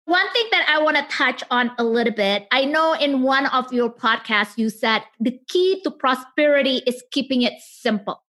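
High-voiced woman podcast host. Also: normal speed, hardly any pauses, pushed and bright, no echo, clean studio sound. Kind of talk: scripted podcast intro and interview questions.

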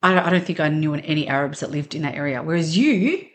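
A woman in her thirties with an Australian accent, hosting a podcast in a candid, chatty way with quick asides. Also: low voice, lively intonation. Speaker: podcast host. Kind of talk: casual conversational podcast.

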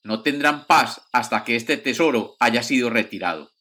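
A man reading a storybook tale, voicing a young count's son who answers calmly. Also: medium pitch, moderate pace, voice pushed down. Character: foolish but fearless young son of a count.

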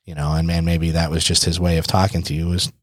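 A man co-hosting a podcast, chatting in a relaxed, joking way and chiming in with agreement. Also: low voice, quick pace, no room sound, studio quality. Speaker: podcast co-host. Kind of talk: casual podcast chat.

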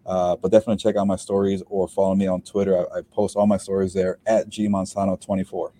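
A man's voice: low-pitched, quick pace, a little hiss or hum. A young man, a sports beat reporter, chatting casually on a post-game podcast from inside a stadium, rambling with lots of fillers. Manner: relaxed and rambling, with many fillers and restarts. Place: inside a stadium, speaking quietly with people working around him.

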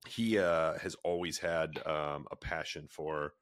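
A man with an extremely low voice tells a long, meandering story as a guest on an interview show. He leans on fillers and restarts, and the recording is dry and close. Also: steady tone, measured pace, a bit bright, clean tone, no echo. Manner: rambling, filler-heavy storytelling with many restarts. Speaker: guest, pet treat company founder.

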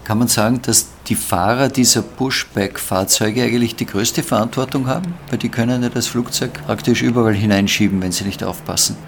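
A man's voice: mid-range voice, fairly quick, vocal fry, few pauses, a little hiss or hum. A man asking questions as a podcast host. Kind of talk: interview questions.

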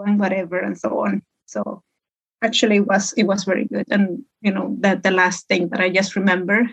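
A woman in her thirties from Peru, talking as a podcast guest. She chats loosely, full of fillers and small asides, at a middling pitch. The recording sounds dull and lo-fi. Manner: chatty, many fillers and laughs. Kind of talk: podcast interview.

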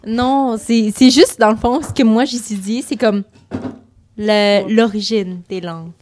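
A woman's voice: fairly high pitch, steady tone, unhurried, a little mellow, a little hiss or hum. A woman, a guest chatting loosely on a podcast, full of filler words and slipping into English. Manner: loose and rambling, heavy use of filler words, slips into English. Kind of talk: casual chat.

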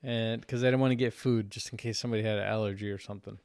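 A man's voice: fairly low pitch, steady tone, rapid-fire, darkish tone, no echo, clean studio sound. Laid-back man telling a crude story. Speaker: podcast co-host. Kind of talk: casual chat.

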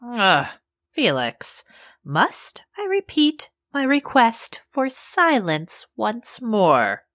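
A woman's voice: fairly high pitch, wildly swooping pitch, very slow, fairly bright tone, no echo, exaggerated voice. A woman voicing a prim, formal shop mistress with stiff, haughty diction in an audio drama.

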